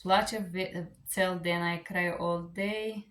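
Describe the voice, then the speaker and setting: Slow-speaking woman with a Macedonian accent. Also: lowish voice, steady tone, a bit bright. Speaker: language teacher. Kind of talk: bilingual vocabulary lesson, term by term.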